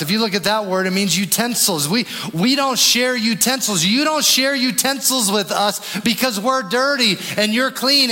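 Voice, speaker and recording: A man preaching a sermon, swinging between raised, urgent emphasis and hushed low asides. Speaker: pastor. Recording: long hall reverb.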